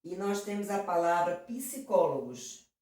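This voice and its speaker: With a low-leaning, slightly mellow voice and big pitch swings, a woman teacher unhurriedly works through exam questions in an exam prep class. She speaks fondly, using many diminutives, and keeps checking in with her students. A far-off mic in a very echoey room picks her up.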